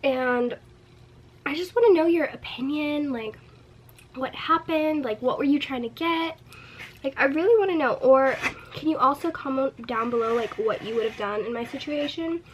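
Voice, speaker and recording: A young woman telling a story in a casual vlog while eating, chatty and animated, with frequent filler words and laughs. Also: sits high, moderate pace, slight background noise. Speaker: vlogger.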